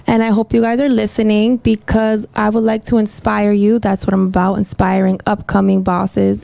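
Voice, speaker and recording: A woman's voice: a little high, gravelly, warm tone, no echo. A woman hosting a casual podcast from her mobile salon, chatting in a rambling, upbeat, self-hyping way, recorded on a phone. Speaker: podcast host, hairdresser. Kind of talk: casual interview chat.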